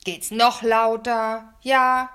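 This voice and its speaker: A woman's voice: mid-range voice, big pitch swings, a little fast. A woman voicing a rude, unkempt male neighbor who roars and threatens. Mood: furious. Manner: loud, roaring.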